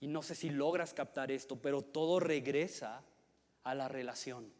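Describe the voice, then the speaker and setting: A man's voice: medium pitch, normal speed. A man in his thirties with a Mexican accent preaching a sermon as a pastor, earnest, often repeating a word as he starts a phrase. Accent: Mexican Spanish. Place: church hall. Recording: long reverb of a large hall.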